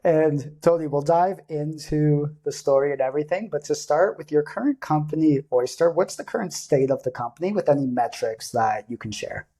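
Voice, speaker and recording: Male podcast host, mellow and slightly husky, upbeat and chatty. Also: a little high, normal speed, few pauses. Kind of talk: casual interview.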